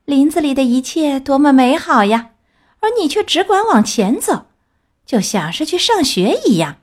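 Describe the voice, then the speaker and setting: A woman voicing a sly, scheming male wolf who wheedles and flatters. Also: sits high, normal speed, voice pushed up. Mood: wheedling. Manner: sweet-talking, wheedling.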